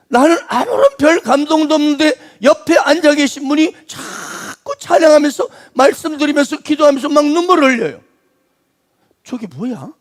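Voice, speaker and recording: A man pastor preaching a sermon, swinging between emphatic lines and hushed, nearly whispered ones. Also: very high-pitched.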